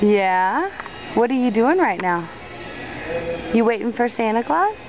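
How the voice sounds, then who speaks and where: A woman's voice: a little high, very animated, unhurried, poor audio. A mother filming her little son at a mall, patiently coaxing him in a sing-song voice and repeating herself. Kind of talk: coaxing a toddler. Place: indoor shopping mall. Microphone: camcorder she is holding. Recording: home camcorder with crowd chatter.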